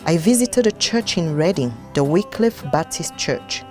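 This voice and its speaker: Cameroonian woman, documentary voice-over, reflective and earnest, lowish voice. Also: animated, measured pace, darkish tone, soft background music. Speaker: documentary narrator. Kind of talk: scripted narration.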